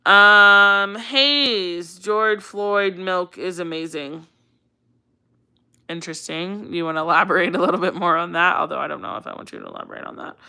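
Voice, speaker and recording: Speaking at a normal speed in a lowish, smooth voice, this American livestream host sounds bright and forceful. She's from Colorado and keeps things casual, rambling chattily and repeating phrases to stress points while responding to her viewers.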